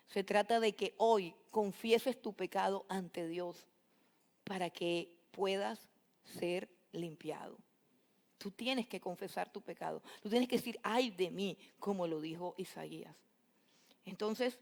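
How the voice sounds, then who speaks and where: A woman's voice: mid-range voice, creaky. A woman preacher, speaking directly to her congregation in a church. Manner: animated, addresses congregation directly. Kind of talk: sermon. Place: church sanctuary.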